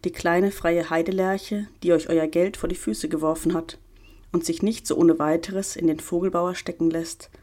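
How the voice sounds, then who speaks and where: A woman voicing a lively, cheeky young woman who talks in a laughing, teasing way. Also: on the low side, normal speed, lightly acted. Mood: playful.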